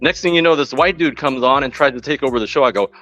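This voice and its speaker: Give me an enthusiastic man telling a quick story on a live-stream call, dry sound. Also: medium pitch, a bit bright, no room sound, soft background music. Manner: enthusiastic, storytelling, swears casually. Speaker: guest. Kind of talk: casual live-stream chat.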